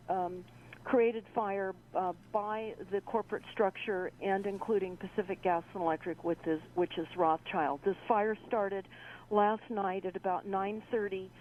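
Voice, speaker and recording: A woman calling in to a radio talk show over the phone, speaking in halting phrases full of fillers. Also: medium pitch. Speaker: call-in guest. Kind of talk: casual radio call-in talk. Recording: muffled phone line with faint hiss.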